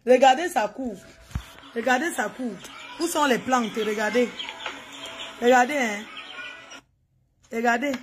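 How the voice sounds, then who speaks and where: Woman, higher voice, gossip host, mocking commentary, scolding and teasing. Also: unhurried, pauses often, background noise. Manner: scolding, teasing, talks straight at the person on screen. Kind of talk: mocking commentary over a video.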